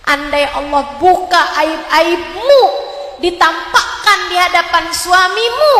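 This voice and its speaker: High-voiced woman preaching in an echoing hall. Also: lively intonation, slow. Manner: earnest, acts out prayers in a soft low voice; repeats a sung refrain. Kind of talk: sermon. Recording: echoey hall with long reverb.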